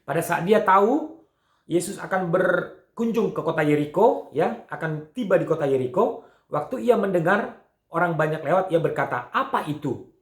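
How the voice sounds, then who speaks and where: Animated male Sunday school teacher. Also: sits high, moderate pace. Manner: animated, with frequent "ya" fillers, acting out the quotes. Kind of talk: telling a Bible story to children. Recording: echoey room.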